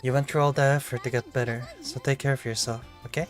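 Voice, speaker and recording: A man voicing a soft-spoken caring schoolgirl. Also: medium pitch, flat delivery, fast talker, faint music behind, close to an everyday voice. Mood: gently scolding.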